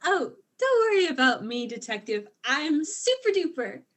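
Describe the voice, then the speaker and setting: A woman's voice: high voice, big pitch swings, moderate pace, a bit bright. A woman voicing a tipsy, flustered female alien diplomat who is secretly a spy, in a student audio drama, rambling and tripping over her words.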